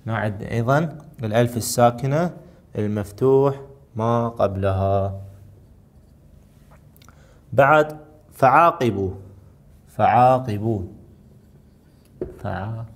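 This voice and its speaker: A man teaching a recorded lesson, working through exercises. He draws out and repeats key words slowly and lifts his voice when reading verses aloud. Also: medium pitch. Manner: slow, drawn-out repetition of key words; rises to read Quranic verses.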